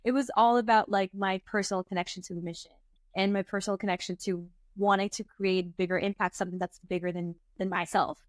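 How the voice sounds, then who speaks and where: A chatty Venezuelan woman in her twenties, a startup co-founder appearing as a guest, talks in a mid-range voice at a brisk pace. She tells stories animatedly in casual interview talk, using fillers like "like" and "um," in a dry, close recording with no echo.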